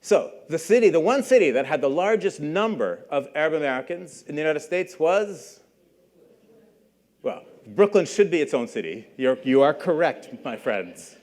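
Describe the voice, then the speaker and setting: A middle-aged man from Canada giving a university lecture in a conversational way, often checking in with the audience with questions and a quick "right?". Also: a little high, sing-song, darkish tone. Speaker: guest lecturer.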